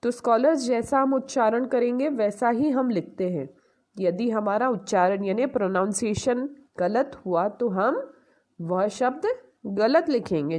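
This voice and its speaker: A school teacher from India with a fairly high, slightly mellow voice gives an online grammar lesson to young pupils. She explains step by step, asking the class questions and then answering them herself.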